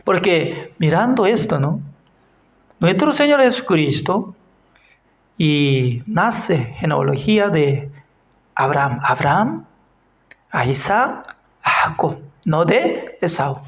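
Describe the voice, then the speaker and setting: A pastor teaching a bible class, speaking haltingly and searching for words, growing animated as he retells stories. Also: on the high side.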